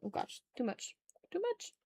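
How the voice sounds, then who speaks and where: There's no room sound as a woman with a dark-toned voice speaks at a moderate pace. She's hosting an art livestream, making casual chat while drawing and muttering self-critically both to herself and to viewers.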